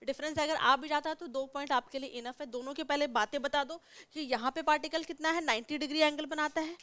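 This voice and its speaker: High-voiced Indian woman teaching science. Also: fairly even intonation, quick pace, bright, forceful tone. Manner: explains step by step, repeats key words, checks in with 'theek hai'. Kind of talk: classroom lecture to students.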